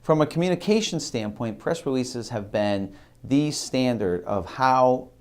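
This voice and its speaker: A middle-aged man giving an instructional video lecture on marketing, halting often with ums and uhs and restarting phrases. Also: mid-range voice, lively intonation, darkish tone.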